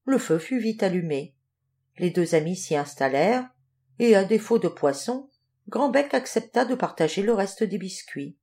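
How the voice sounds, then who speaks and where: A woman's voice: medium pitch, animated, moderate pace, dark tone. Woman reading a children's story. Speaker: audiobook reader.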